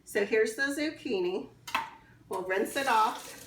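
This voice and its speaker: A woman teacher giving a slow, patient cooking demonstration for young children in a kitchen. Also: on the high side, expressive, roomy sound, background noise. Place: kitchen with running water.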